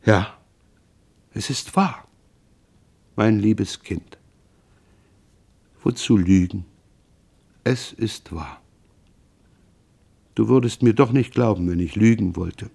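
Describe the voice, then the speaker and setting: A man voicing a grief-stricken mother who confesses, speaking in hushed, halting, heavy phrases. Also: low-pitched. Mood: despairing.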